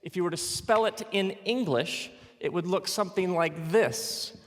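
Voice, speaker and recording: A man giving a live stage talk on the Bible to an audience, with dramatic pauses, playful asides and call-and-response. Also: sits high. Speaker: speaker teaching on the Bible. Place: large auditorium with live audience. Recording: long hall reverb from a live venue.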